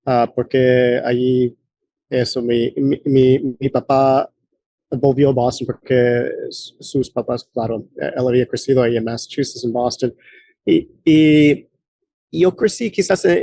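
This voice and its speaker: A man in his late forties from the United States speaks as an interview guest. He talks haltingly, often restarting a phrase and reaching for words. His voice is mellow and the sound is dry and close. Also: mid-range voice, dry recording. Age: late 40s. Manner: halting, many restarts and fillers. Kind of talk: conversational interview.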